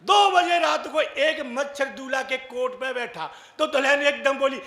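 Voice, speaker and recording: A male comic storyteller with a very high, bright voice spins his tale slowly and theatrically. The sound comes from a big hall with long reverb. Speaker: comic poet performing on stage. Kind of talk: live stage comedy storytelling. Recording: echoey hall.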